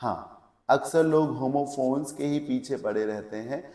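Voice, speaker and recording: A man's voice: medium pitch, a little slow, mellow, reverberant. A male English teacher giving a lecture, explaining step by step and checking with questions, mixing English words into his Hindi. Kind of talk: classroom lecture.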